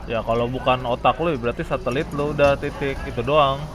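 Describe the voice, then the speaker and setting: A man's voice: mid-range voice, fairly even intonation, a little fast. A man bantering casually in an online role-play game, slangy, joking and teasing. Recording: very noisy, outdoor game sounds and vehicles.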